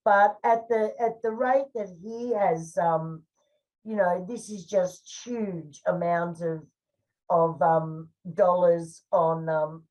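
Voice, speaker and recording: An Australian woman shares her views slowly and deliberately, pausing on fillers as she thinks aloud. She sounds a little distant from the microphone, as if sitting back in the room. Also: lowish voice, steady tone, a little mellow, muffled recording. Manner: measured, opinionated, frequent "you know" and "um". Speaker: co-host. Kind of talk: casual discussion of the federal budget.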